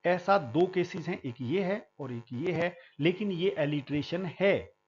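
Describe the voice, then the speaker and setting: A man, a literature professor, giving a classroom lecture, explaining slowly and repeating words over and over, with English terms mixed in. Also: on the high side, slight background noise. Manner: mixes English terms into Hindi. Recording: dull lo-fi sound.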